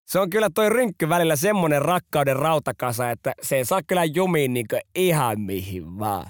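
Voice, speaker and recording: A man's voice: mid-range voice, dry recording. Dry-voiced man narrating stories. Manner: casual, slangy narration. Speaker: podcast host and storyteller. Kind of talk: scripted storytelling podcast.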